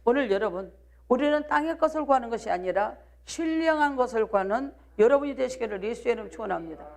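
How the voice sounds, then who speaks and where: This woman pastor from South Jeolla, Korea, has a slightly high, gravelly voice with a bit of mellowness. She preaches live at midweek in a Jeolla accent, driving at the congregation with rhetorical questions and "do you believe?"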